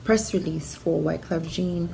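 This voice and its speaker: A middle-aged woman from Haiti, a producer and actress, telling her life story in a relaxed way, with fillers and restarts, in a personal bio monologue. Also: on the low side, measured pace, creaky, slight background noise. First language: Haitian Creole or French.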